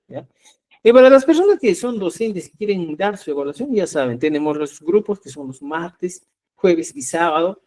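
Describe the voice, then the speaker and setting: A man teaches a live online class. His voice sits a little high and moves in lively swings, and he keeps asking "¿ya?" to check that his students follow. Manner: lively, repeats "¿ya?" to check understanding. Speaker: Quechua teacher.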